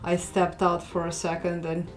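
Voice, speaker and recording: A woman's voice: lowish voice, completely flat delivery, moderate pace, faint music behind. A woman chatting casually on a livestream while painting, laughing often and poking fun at herself. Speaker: streamer painting a mural.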